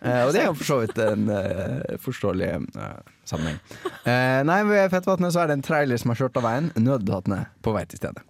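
A man's voice: mid-range voice, very animated, creaky, few pauses, no echo. A man co-hosting a casual radio chat, rambling and hesitant, with many fillers. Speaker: radio co-host.

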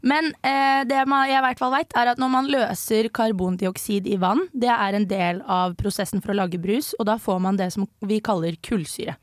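A woman's voice: mid-range voice, fairly even intonation, few pauses, no room sound. A young woman from Norway co-hosts a casual student radio show. She explains at length, hesitating and correcting herself as she goes, and her voice sits in the middle of the range. The studio sound is dry and close. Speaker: co-host presenting research.

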